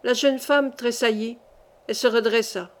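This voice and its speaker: A woman reading a classic novel aloud as an audiobook narrator, with steady, measured storytelling. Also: a little high.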